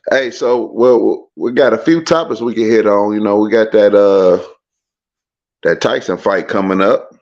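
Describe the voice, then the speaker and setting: A man with a lowish voice hosts a podcast in a relaxed, casual chat. He talks loosely with slang and trips over his words at times. The sound is dull and a little lo-fi. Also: unhurried. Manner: laid-back, loose slang, some stumbles. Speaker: podcast host.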